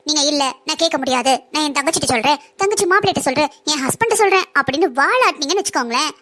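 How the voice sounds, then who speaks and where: A woman's voice: high voice, lively intonation, rapid-fire, fairly bright tone. A woman voicing a scheming young cartoon villainess who swapped a baby, sly and mocking. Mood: taunting. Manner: sly, taunting, mocking politeness. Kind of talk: cartoon voice acting.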